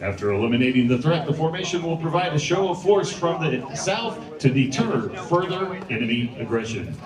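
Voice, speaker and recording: A man's voice: a little high, sing-song, moderate pace, a crowd in the background. A man giving emphatic, scripted airshow commentary like an announcer over a public address system. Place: outdoor airshow over loudspeakers. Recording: echoey PA, heard from far off.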